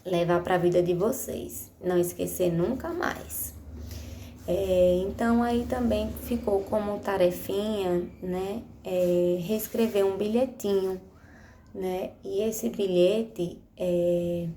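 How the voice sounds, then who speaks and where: A woman primary school teacher, giving a recorded remote lesson to children, speaking slowly and patiently, stretching out words and often asking "né?" to check they follow. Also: medium pitch, steady tone, mellow. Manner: slow, patient, stretches out words for young pupils; affectionate diminutives, checks understanding with frequent "né?". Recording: echoey room with faint noise.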